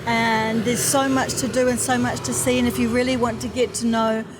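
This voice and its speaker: A woman with a New Zealand accent, talking warmly and without hurry as a tourist in a street interview outdoors. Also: on the high side, level tone, a little fast, background noise. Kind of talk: casual street interview chat.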